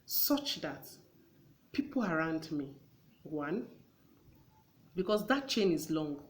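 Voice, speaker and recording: A woman's voice: sits low, sing-song, takes it slowly, slight background noise. A woman hosting a conversational talk show. She gives earnest advice and acts out everyday exchanges as she goes.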